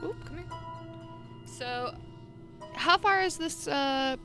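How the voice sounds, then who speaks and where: A woman playing a tabletop game, chatting in an excitable way with quick exclamations. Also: high-pitched, music in the background. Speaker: player.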